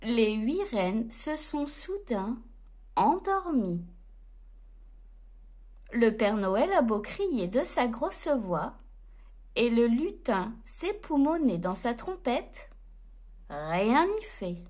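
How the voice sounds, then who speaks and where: A woman storyteller reading a children's bedtime story aloud in a gentle, expressive way. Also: on the high side, drawn-out words, pauses often.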